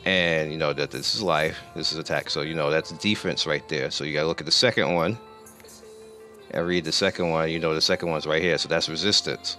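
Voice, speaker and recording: Gaming host, male, low voice with a bright edge; rambling, self-correcting walkthrough of menus, a bit hoarse; faint music behind. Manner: rambling, self-correcting, explains while clicking through menus. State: losing his voice. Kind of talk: casual gameplay commentary.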